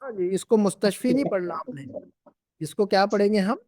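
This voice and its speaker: A man's voice: sits high, lively intonation, fairly quick, dark tone, dry recording, studio quality. A middle-aged man teaching an Arabic class, patiently repeating and drilling words with his students. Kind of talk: classroom lesson.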